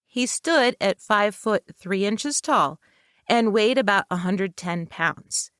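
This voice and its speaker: A woman co-hosting a podcast, reading a researched segment in a measured storytelling way with casual personal asides. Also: mid-range voice, a bit bright, dry recording, studio quality. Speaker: podcast co-host.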